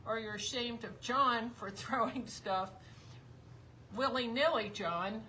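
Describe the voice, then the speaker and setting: A woman chats her way through a live craft stream, her voice bright and a touch tense. She rambles and teases her husband with little laughs, and her voice is slightly giving out. A faint hum sits behind her. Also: fairly high pitch, unhurried, poor audio. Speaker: craft show co-host. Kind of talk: casual live-stream chat. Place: basement tavern room of a house.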